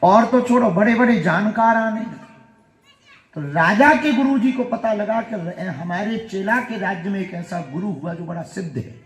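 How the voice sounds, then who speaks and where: Animated Hindi preacher, echoey hall. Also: male voice, high-pitched, moderate pace. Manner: animated storytelling with sudden loud exclamations; folksy, chuckling asides. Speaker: spiritual preacher. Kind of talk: storytelling sermon.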